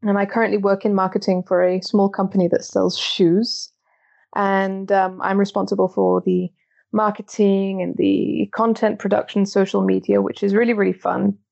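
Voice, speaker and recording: Gravelly young woman, dull remote audio. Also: medium pitch, little pitch movement, moderate pace, a little mellow. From Belgium. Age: 20s. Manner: chatty, breaks off and restarts thoughts. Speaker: guest. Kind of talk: interview conversation.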